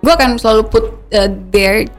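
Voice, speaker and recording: Animated woman, faint music. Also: on the high side, normal speed. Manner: animated, breaks into laughter, mixes in English words. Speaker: podcast guest. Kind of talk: candid conversational storytelling.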